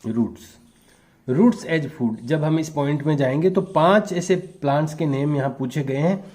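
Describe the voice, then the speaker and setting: Slow-dictating man teacher. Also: fairly high pitch, a little mellow. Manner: slow, dictating answers word by word, translating each phrase. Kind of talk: classroom lesson, bilingual explanation.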